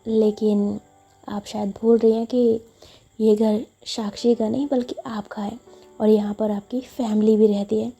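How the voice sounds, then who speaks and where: A woman's voice: fairly high pitch, flat delivery, a little slow, dark tone, slightly rough, faint music behind. Woman voicing a teasing young woman. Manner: teasing and coy.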